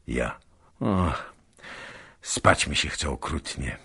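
Gentle soft-spoken officer, read by a man; low, husky storybook voice. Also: lively intonation, drawn-out words, full character voice. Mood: mild calm. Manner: soft, mild, brief. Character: calm foreign officer, gentle and smiling.

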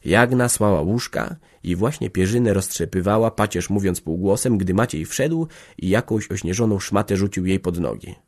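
A man reading a classic novel aloud as an audiobook narrator, in a measured, even storytelling manner. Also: on the low side.

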